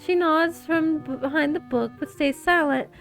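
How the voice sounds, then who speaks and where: A woman reading a visual novel aloud into a headset mic, with animated asides and quick reactions. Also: sits high, vocal fry. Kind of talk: reading game text aloud with commentary. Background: faint game music.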